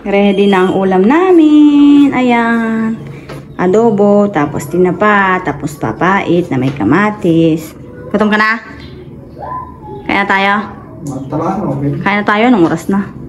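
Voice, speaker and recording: A woman from the Philippines chatting casually to her vlog viewers, telling stories with frequent laughs, her voice jumping up high when she gets excited. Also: measured pace, long pauses. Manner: animated storytelling, laughs often, voice jumps high when excited. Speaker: vlogger. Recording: noisy home room with electric fan.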